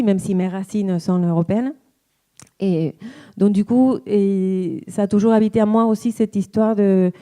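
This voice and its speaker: Reflecting personally, this forties-aged tango dancer and teacher from Argentina pauses and searches for her words thoughtfully. Spanish is her native language; her Argentine-accented voice is mid-range and warm.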